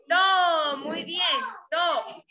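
A woman kindergarten teacher giving a remote phonics lesson, sounding out syllables deliberately and praising often. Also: extremely high pitch, a crowd in the background. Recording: dull lo-fi audio with steady noise.

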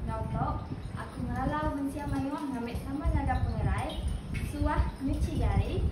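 A twenty-year-old woman recites a prepared pageant introduction in a high voice. She sounds far from the mic in a very echoey space, with loud ambient noise all around. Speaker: pageant contestant. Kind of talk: scripted self-introduction. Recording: very echoey distant recording with loud background noise.

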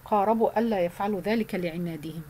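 Woman, Egyptian Arabic accent, teacher, fast-paced, breathy, casual explanations. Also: medium pitch, dark tone, rough recording. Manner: explains in colloquial speech, recites verses slowly. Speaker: Quran memorization teacher. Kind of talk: Quran memorization lesson.

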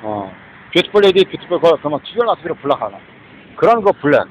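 Rambling man with a lively, high-set voice. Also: fast talker, slight background noise, low-quality recording. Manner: rambling, muttering, trailing off, frequent questioning "eh?". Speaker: street vlogger. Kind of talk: rambling monologue.

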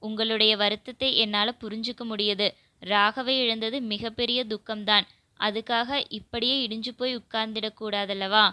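A woman doing a calm consoling young man. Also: a little high, normal speed, dry recording.

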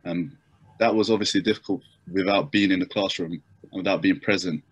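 A young Japanese man sitting in his bedroom tells his story in a relaxed video-call interview, stumbling through fillers and restarts. His voice is deep and steady with a breathy edge, and he talks a bit fast. There's no echo on the laptop webcam mic.

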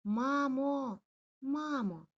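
A woman's voice: a little high, sing-song, normal speed, darkish tone, muffled recording, voice pushed up. A woman voicing an eager little male corgi puppy who calls out and pleads. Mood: scared.

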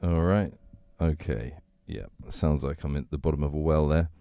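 Deep-voiced dj guy sounding like he's down a well, big echo tail, slow and excitable. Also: vocal fry. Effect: heavy echo on the mic, like the bottom of a well. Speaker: radio DJ host. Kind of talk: casual music radio chat. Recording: long hall reverb on the voice.

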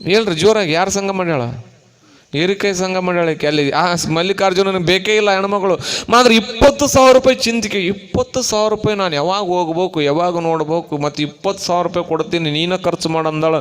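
A male swami with a North Karnataka accent giving an animated, humorous sermon in a temple hall and quizzing his audience. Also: sits high, a little fast, clear, resonant tone. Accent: North Karnataka Kannada. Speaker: swami giving a religious discourse.

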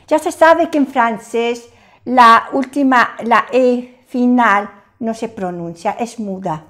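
Slow, high-voiced older woman teaching French. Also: a bit bright. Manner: repeats each word slowly, then translates. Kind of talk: slow pronunciation lesson.

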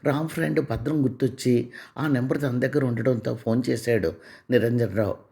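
A man narrating an audio story in an expressive storytelling manner. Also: mid-range voice, moderate pace, creaky, breathy edge.

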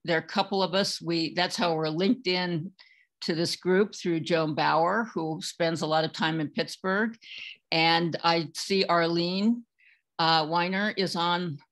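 Woman poet on a video call, low-pitched, very slow, chatty fillers between poems. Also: fairly even intonation, a bit bright. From California. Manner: unhurried, with filler-laden asides between poems. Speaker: featured poet. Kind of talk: poetry reading over video call.

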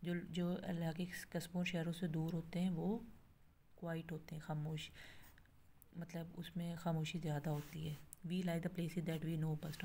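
A woman's voice: deep voice, creaky, warm tone, slight background noise. A woman teaching English, going through a workbook and explaining each English line in Hindi. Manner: explains in Hindi between slowly read English lines. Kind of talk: classroom lesson explaining a workbook.

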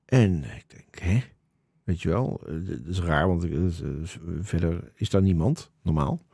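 A man hosts a podcast in relaxed conversation. His low voice has a gravelly fry and a mellow tone, and he tells his story haltingly, searching for words. The recording is close and dry. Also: dry recording. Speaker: podcast host. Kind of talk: casual chat.

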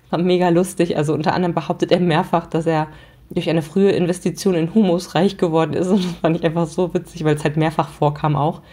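A podcast host giving a chatty, casual book review, full of fillers. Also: female voice, on the low side, steady tone, quick pace, warm tone.

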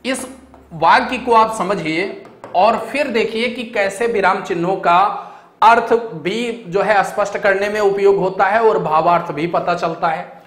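A man's voice: high voice, a little slow, fairly bright tone. A young man teaching a grammar lesson for exam preparation, explaining step by step and often checking that his students follow. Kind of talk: exam-prep grammar lecture. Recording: echoey room.

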